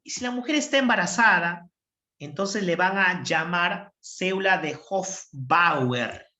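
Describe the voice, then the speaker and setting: Animated bright-voiced male teacher. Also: high voice, measured pace. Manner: animated, checks understanding. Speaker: anatomy teacher. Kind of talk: online class lecture, storytelling. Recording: roomy echo.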